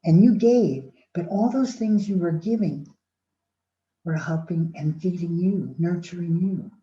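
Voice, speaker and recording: A woman's voice: lowish voice, measured pace, dark tone. Older woman, motivational talk, roomy. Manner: storytelling, acts out inner voices, sighs and restarts. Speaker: speaker giving a talk on aging well. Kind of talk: motivational talk with acted-out asides. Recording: dull roomy recording.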